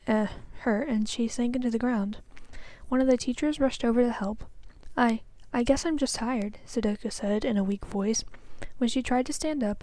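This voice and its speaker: A woman student reading a children's novel aloud in a careful, soft, breathy manner, with occasional small slips. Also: a little high. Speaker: student reader.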